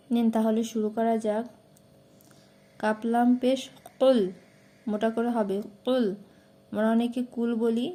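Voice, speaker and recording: A woman's voice: fairly high pitch, warm tone. A woman with a Bangladeshi Bengali accent teaching Quran pronunciation, stretching out each syllable as she recites. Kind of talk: slow pronunciation lesson.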